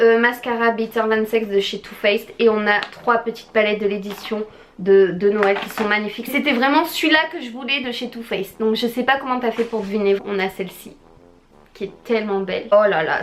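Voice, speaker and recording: A woman's voice: on the high side, steady tone, normal speed, a little hiss or hum. A young woman vlogging as she unboxes gifts, gushing and exclaiming to her viewers and to the friend who sent them. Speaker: beauty vlogger. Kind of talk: excited unboxing chat.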